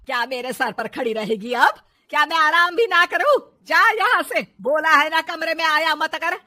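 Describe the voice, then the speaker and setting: A woman voicing a harsh, scolding older mother-in-law in a cartoon, shouting her taunts with slow, heavy emphasis. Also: high voice, steady tone. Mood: angry scolding. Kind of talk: cartoon voice acting.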